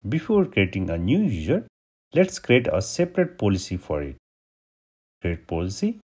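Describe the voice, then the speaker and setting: A man from Nepal narrates a screen-recorded tutorial, giving clicks and steps one at a time. His voice is low and a little husky. His pitch swings widely from phrase to phrase. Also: moderate pace. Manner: steady step-by-step instructions. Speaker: tutorial host.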